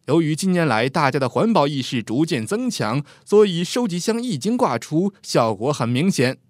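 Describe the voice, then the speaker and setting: A man narrating a scripted story with an expressive, lively delivery. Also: a little high, no echo, clean studio sound.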